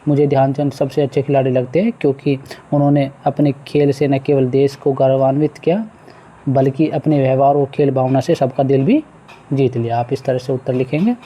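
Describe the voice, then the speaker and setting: A man's voice: mid-range voice, steady tone, brisk, highs cut off. A man teaching a school lesson, patiently walking pupils through a textbook exercise and repeating words as he goes. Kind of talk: explaining a textbook exercise to students.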